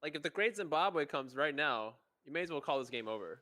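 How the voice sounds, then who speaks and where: A fairly high-pitched man hosting a live game stream, his voice leaping up and down as he reacts. He jokes and gets excited over every turn, with a faint hiss of background noise. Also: fairly quick. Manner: excitable, jokey, animated. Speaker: stream host.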